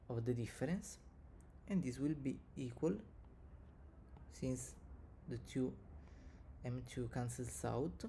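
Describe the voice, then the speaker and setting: A man who is not a native English speaker teaches physics step by step, dictating equations in short, halting pieces. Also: medium pitch, dark tone, slight background noise. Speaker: physics tutor, video presenter. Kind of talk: step-by-step maths lesson, reading out equations.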